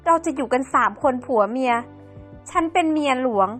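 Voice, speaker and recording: Brief: a high-voiced, proud, wronged wife in a game drama, as a woman plays her. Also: lively intonation, moderate pace, fairly bright tone, soft background music. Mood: hurt. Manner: hurt, firm. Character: wronged middle-aged wife, proud and hurt.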